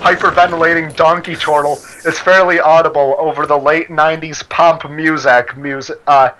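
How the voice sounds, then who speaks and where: A man's voice: a little high, little pitch movement, moderate pace, pushed and bright. A man casually reading a story aloud to friends, laughing and stumbling over words as he goes. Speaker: story reader. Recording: noisy game chat with gunfire. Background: game gunfire and clicks.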